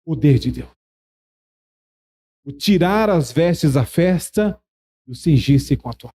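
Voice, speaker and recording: A man's voice: fairly high pitch, lively intonation, slow, warm tone, breathy edge. A man preaching a sermon, emphatic and repetitive, asking the congregation rhetorical questions. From Brazil. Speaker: pastor.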